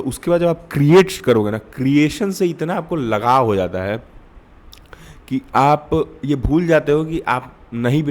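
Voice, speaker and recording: A man's voice: on the low side, a little mellow. A young man giving a reflective monologue as the channel's host, thinking aloud with fillers and restarts and mixing in English.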